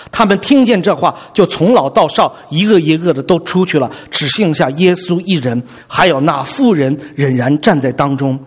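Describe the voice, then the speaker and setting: A man's voice: high-pitched, husky. A man preaching a sermon as pastor, telling stories animatedly and speaking straight to the congregation. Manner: animated storytelling preacher, addresses the congregation directly.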